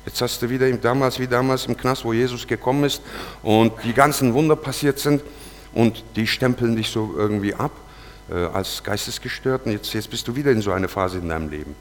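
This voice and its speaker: A man giving an earnest, emotional spoken testimony, not a native German speaker, confessing quietly and then pleading loudly, and reading verses slowly. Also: mid-range voice. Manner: earnest, confessional, swings between loud pleading and quiet muttering; slow, deliberate when reading scripture verses. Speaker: preacher giving a personal testimony. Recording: long hall reverb with faint hum.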